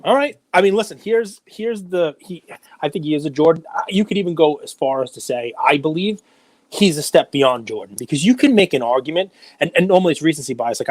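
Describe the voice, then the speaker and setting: A man, hosting a casual podcast and telling animated, self-deprecating stories. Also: fairly high pitch, quick pace, dry recording. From United States. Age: 40s. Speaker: podcast host. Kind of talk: casual chat.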